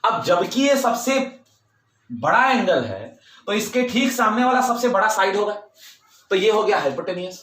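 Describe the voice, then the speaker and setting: A male teacher with a high, bright voice explains things slowly and deliberately. He repeats his key points with emphasis and slips English terms into his Hindi. The recording has a noticeable room echo. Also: very animated. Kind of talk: classroom lecture.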